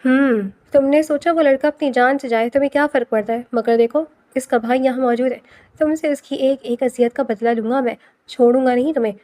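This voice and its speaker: Proud young man, cold and threatening, high-pitched woman reader. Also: fairly even intonation, mellow, no echo, clean studio sound, natural voice. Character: proud, vengeful young man, older brother.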